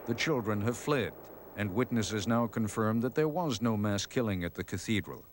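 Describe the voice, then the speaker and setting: A man narrating a television news documentary in a measured, solemn scripted delivery. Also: lowish voice, noisy background.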